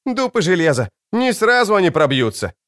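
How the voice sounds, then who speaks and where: A brash, foul-mouthed young woman warrior, as a man voices her. The voice sits high and coarse with lively jumps in pitch, and the recording is dry and close. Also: moderate pace, no room sound, full character voice. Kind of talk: audiobook character voice.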